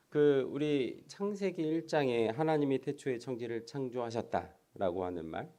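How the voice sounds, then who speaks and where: A middle-aged man preaching a sermon as pastor, asking rhetorical questions and answering them himself, swinging between loud emphasis and quiet asides. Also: medium pitch.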